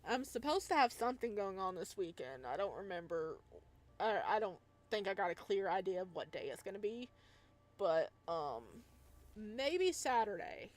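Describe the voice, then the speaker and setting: A woman with a medium-pitched voice and wide pitch swings talks at a normal speed. She's a live streamer playing a visual novel, chatting casually and rambling in a giggly, playful way.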